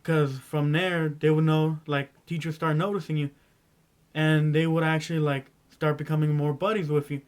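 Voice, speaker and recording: A teenage boy rambling through casual school advice in a vlog, clearing his throat often and stumbling over his words. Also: fairly high pitch, level tone, normal speed. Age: teens. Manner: rambling, stumbling, self-interrupting. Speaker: vlogger.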